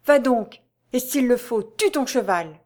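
A woman's voice: mid-range voice, normal speed, natural voice. A woman voicing a passionate, desperate young nobleman in an audiobook, pleading and exclaiming in a raised, urgent voice. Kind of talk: audiobook character voice.

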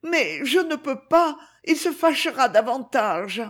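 A woman's voice: high-pitched, very animated, voice pushed up, full character voice. A woman reading the part of an eager, chatty young noblewoman who gushes and hurries her words. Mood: anxious. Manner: gushing and hurried.

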